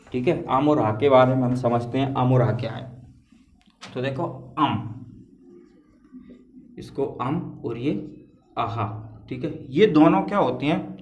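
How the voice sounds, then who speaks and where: Man teaching in an echoey room. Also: medium pitch. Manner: explains step by step, asks and answers his own questions. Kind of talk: classroom lecture.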